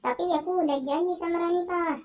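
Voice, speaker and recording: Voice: very high voice, fairly even intonation, fast, far from the mic. A young gamer voicing a whiny begging daughter. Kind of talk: game dialogue read aloud.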